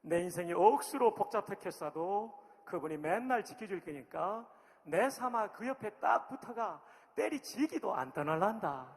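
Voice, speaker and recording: A man's voice: high-pitched, expressive, moderate pace, voice pushed up. A man putting on a strong Gyeongsang dialect to recite a psalm as a blunt, plain-spoken local man, with an emphatic folksy delivery. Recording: long hall reverb.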